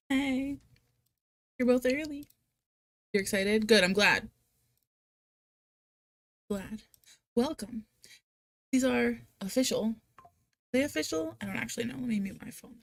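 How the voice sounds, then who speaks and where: A woman from Rhode Island, with the local accent, hosts a casual live stream of reading sprints, chatty, self-deprecating, giggly and playfully dramatic. Her voice is a little high, and the recording is dry.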